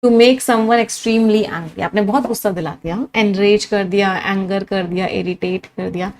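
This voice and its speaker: A woman's voice: mid-range voice, fairly even intonation, unhurried, a little mellow, a little hiss or hum. A young adult woman with an Indian English accent teaching an exam-prep vocabulary lesson, mixing Hindi and English, repeating words and quizzing the viewer.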